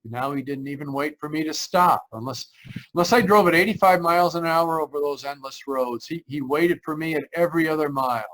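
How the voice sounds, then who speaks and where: The lead of this 1940s radio drama, performed live over a video call, is a haunted young driver crossing the country, and the actor narrating him conveys dread and a mind unravelling through halting, repeated phrases. His natural voice is a little high and fairly bright, and the audio is poor.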